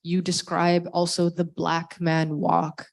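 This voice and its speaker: Low, flat-voiced woman interviewer. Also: slow pace, creaky. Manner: searching, loose phrasing with many asides. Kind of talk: salon conversation.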